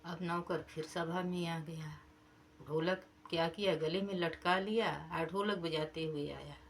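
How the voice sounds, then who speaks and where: Slow-telling woman storyteller. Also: lowish voice, steady tone, slight background noise. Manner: plain, unhurried storytelling. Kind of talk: telling a folk tale with a moral.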